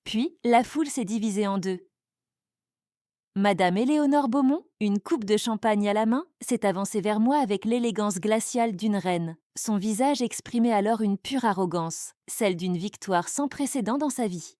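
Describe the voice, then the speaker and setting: A woman's voice: mid-range voice, moderate pace, mellow, no echo, studio quality. A woman narrating a dramatic first-person story in a suspenseful storytelling manner.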